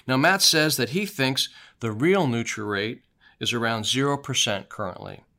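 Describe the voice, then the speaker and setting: A man's voice: mid-range voice, normal speed, sharp tone. A man hosting a podcast, reading scripted remarks. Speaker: podcast host.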